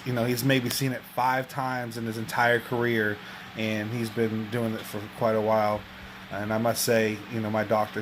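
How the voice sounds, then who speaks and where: A man with an average-pitched voice talks casually as if updating his viewers from home. His delivery is halting and rambles along. Faint background noise sits behind him. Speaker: video blogger. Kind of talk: casual personal update to camera.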